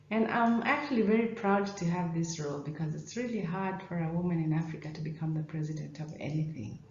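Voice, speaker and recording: Low-voiced Kenyan woman lecturing. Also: reverberant, highs cut off, slight background noise. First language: not English. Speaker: professor of ophthalmology. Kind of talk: conference presentation.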